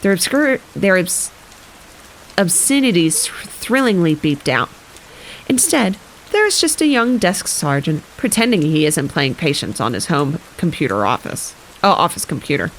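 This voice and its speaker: A woman's voice: on the low side, big pitch swings, normal speed, a little hiss or hum. A woman streamer reading a novel aloud on a live stream, often slipping and correcting herself. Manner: reads with frequent slips and self-corrections; breaks off to comment casually. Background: soft rain ambience.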